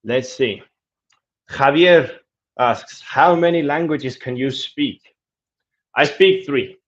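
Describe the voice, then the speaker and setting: This man speaks slowly at an ordinary middle pitch, on a slightly dull, lo-fi recording. A travel vlogger whose first language is Danish, he reads viewer comments aloud in a casual live Q&A, answering them chattily with small restarts and moving between English and Spanish.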